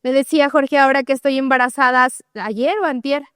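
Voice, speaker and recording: A woman's voice: high voice, steady tone, a little fast, a bit bright, dry recording, studio quality. A young adult woman pastor with a Mexican accent, preaching a conversational sermon and often checking in with "¿verdad?". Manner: conversational, tags questions with "¿verdad?", acts out everyday dialogues.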